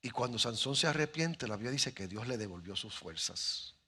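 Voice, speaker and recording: Speaking with a husky, sharp, expressive voice of medium pitch at a moderate pace, this middle-aged man delivers a sermon built around a story. He performs it dramatically as a pastor, voicing the characters himself, while faint music sits beneath his handheld mic.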